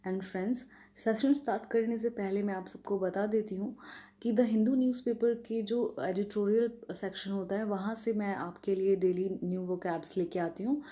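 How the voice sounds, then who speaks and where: A woman's voice: medium pitch, fairly even intonation, normal speed, mellow. A woman with an Indian English accent teaching English vocabulary in a casual, friendly lesson, mixing Hindi and English and often checking in with "okay?".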